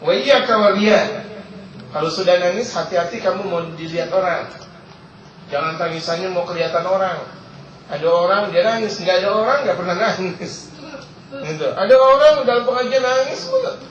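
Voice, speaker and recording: Male preacher, high voice, explains Arabic quotes in everyday talk, roomy echo with faint ambience. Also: normal speed, fairly bright tone, slight background noise. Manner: reads Arabic text then explains it in casual speech; repeats key phrases for emphasis. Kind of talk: religious lecture. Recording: roomy, distant, dull lo-fi sound.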